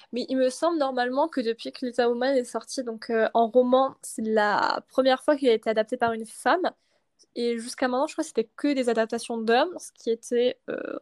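Fairly high in pitch but darkish in tone, this young woman chats casually as a podcast host in her native French. Her talk wanders hesitantly, full of fillers and laughs.

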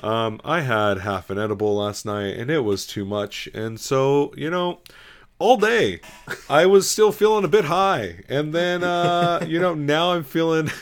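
A man's voice: fairly high pitch, measured pace, clear, resonant tone. Rambling casual male podcast host. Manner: loose, rambling, swears casually.

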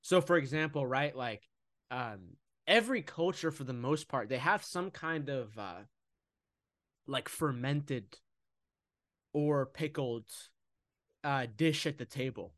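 A young man talking casually about food and nutrition in a podcast conversation, animated, often slipping into mocking voices. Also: mid-range voice, slow, long pauses, no echo, clean studio sound. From United States.

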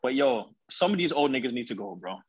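A man's voice: medium pitch, big pitch swings, fast, a loud crowd. A young man bantering about sports, slangy and insistent, often repeating himself to get a word in. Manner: slangy, repetitive, insistent, interjecting. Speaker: sports podcast panelist.

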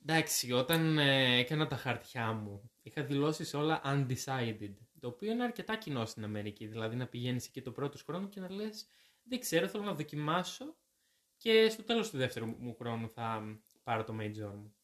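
A young man from Greece chatting as a guest, telling animated stories and correcting himself as he goes. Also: medium pitch, hardly any pauses. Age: young adult. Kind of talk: casual chat.

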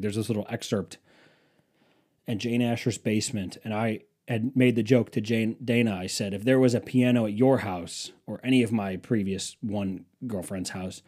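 A twenty-something male vlogger with a fairly low, dark, breathy voice rambles through a long, casual story to his phone camera. He's indoors at a museum exhibit, swearing and poking fun at himself.

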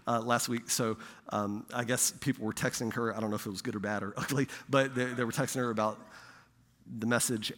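A male pastor giving a conversational sermon who swells louder for emphasis and often checks in with "right?". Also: medium pitch, in a large hall. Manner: conversational preaching, rising loud for emphasis, frequent "right?".

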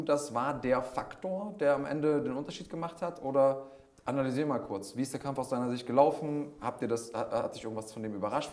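A man with a medium-pitched voice hosts a combat sports interview on a live stream. He is conversational and wordy, encouraging his guest through long, winding questions. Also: a little mellow.

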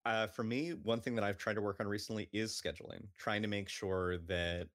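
A man's voice: lowish voice, fairly even intonation, fairly quick, fairly bright tone, no room sound, clean studio sound. A man in natural unscripted talk, a streamer on a panel thoughtfully explaining his view with examples.

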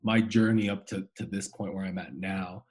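A man's voice: deep voice, steady tone, moderate pace, a little mellow, husky. A man in his twenties, hosting a casual chat, slangy and laughing often, repeating words as he restarts. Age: 20s.

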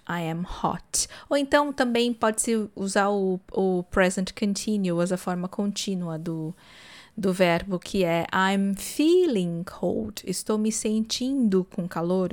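A woman's voice: medium pitch, darkish tone. Brazilian woman teaching English. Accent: Brazilian Portuguese. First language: Portuguese. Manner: explains slowly, demonstrates English pronunciation. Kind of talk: podcast lesson.

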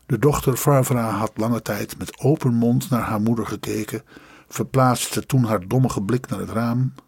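A man reading a story aloud in measured, dramatic audiobook narration. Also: medium pitch, slightly rough, dry recording, studio quality.

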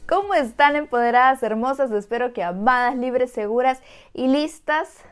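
Expressive woman hosting a motivational podcast. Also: high-pitched, normal speed, smooth, soft background music. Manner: expressive and encouraging, acts out voices of adults soothing children. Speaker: podcast host.

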